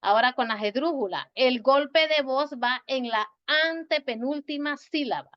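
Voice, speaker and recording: A woman teacher giving an online grammar lesson, speaking slowly and patiently and repeating words to stress their syllables. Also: high-pitched. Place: home or office on a video call. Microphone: video call. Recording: dull, lo-fi video call audio.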